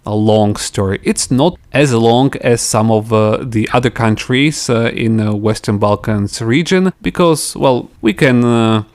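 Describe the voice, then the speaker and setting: A man from Slovakia, hosting an interview podcast in a halting way, often pausing to search for words. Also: mid-range voice. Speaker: podcast host. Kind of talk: casual interview chat.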